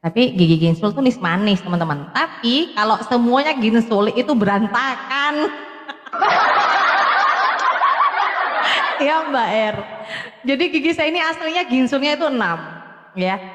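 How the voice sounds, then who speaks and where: A woman's voice: a little high, animated, moderate pace, echoey room, in a large hall, very noisy. A woman from Madura, chatting casually on a live stream, laughing often and answering viewers by name. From Madura, Indonesia. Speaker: live-stream host giving testimony.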